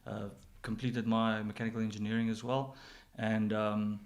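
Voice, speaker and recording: A man's voice: lowish voice, little pitch movement, moderate pace. A middle-aged man with a South African accent, giving casual interview answers as a general manager.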